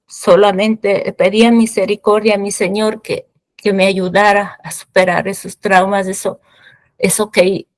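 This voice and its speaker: A woman giving a personal faith testimony, speaking in a halting, fervent way, often repeating words as she recalls her prayers. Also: mid-range voice, no echo.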